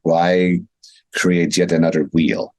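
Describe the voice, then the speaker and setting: A Swiss man in his thirties, a wellness and movement coach, talks casually and reflectively as an interview guest. His low-pitched voice is slow and level, with crowd noise in the background.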